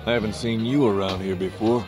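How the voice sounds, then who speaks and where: A focused male duelist played by an actor in a video game. His voice is on the low side and his manner curt, with music behind. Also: steady tone, fairly quick, lightly acted. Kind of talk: video game character acting.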